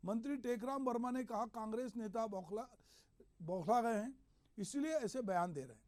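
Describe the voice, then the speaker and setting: Guy with a high voice doing news analysis, calm and explaining, leans on key words. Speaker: news show host. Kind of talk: news commentary. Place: regional news studio.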